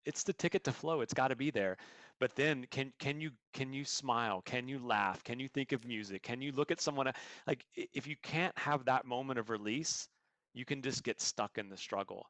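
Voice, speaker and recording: A man's voice: medium pitch, normal speed, fairly bright tone, no room sound. A man being interviewed as a coach, explaining his ideas earnestly through stories and examples. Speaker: guest coach. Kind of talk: podcast interview answers.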